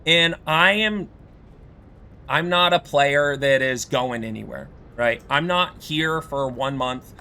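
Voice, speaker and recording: A man's voice: mid-range voice, slow pace, sharp tone, clear, resonant tone. A man streaming a game, talking casually with an aggrieved tone and often checking in with "right?" and "you know?". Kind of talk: casual gaming stream talk.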